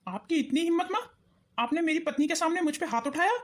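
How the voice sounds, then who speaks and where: A woman's voice: extremely high pitch, quick pace, heavy background noise. A woman voicing a grown son in a cartoon, coldly firm toward his mother. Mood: angry. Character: cold grown son siding with wife. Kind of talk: cartoon voice acting.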